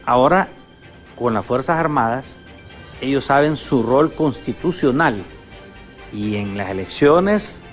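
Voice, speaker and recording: A man, a congressman guest in a political interview, who explains his views and often agrees with the host. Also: medium pitch.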